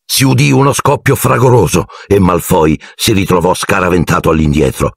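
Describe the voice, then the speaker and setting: A man narrating an audiobook in a measured storytelling manner on a close mic. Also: deep voice, creaky, slightly rough, no room sound. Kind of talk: scripted narration.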